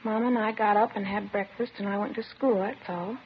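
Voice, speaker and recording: Heard through the muffle and noise of an old 1950s radio recording, a woman speaks fairly quickly in a steady, mid-range voice close to her everyday one. Her role in the crime drama is a childlike schoolgirl confessing to police, sullen, defensive, petulant and emotionally detached.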